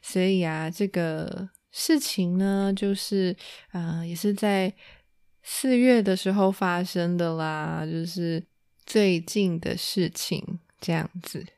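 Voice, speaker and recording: A woman's voice: on the low side, fairly even intonation, slow pace, darkish tone, clean tone, dry recording, studio quality. A woman from Taiwan, a native Mandarin speaker with a Taiwanese accent, hosting a casual bilingual language lesson and repeating key words as she explains. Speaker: Mandarin teacher and host.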